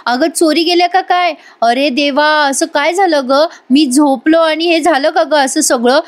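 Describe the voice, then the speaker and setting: A panicky young male helper, flustered and firing off questions, as a woman reviewer reads him. The voice is high. There is only a light change from her narration. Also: unhurried. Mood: bewildered.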